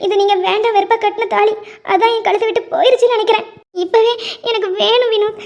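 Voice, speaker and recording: A woman's voice: very high-pitched, steady tone, fast, warm tone. A woman voicing a tearful young bride in a cartoon drama, talking in a whiny, pleading way. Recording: dull lo-fi recording.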